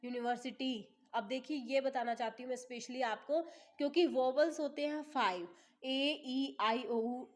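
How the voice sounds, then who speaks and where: A woman with an Indian accent teaching English grammar, reading examples slowly and deliberately, then explaining quickly in Hindi. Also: sits high. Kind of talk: classroom grammar lesson.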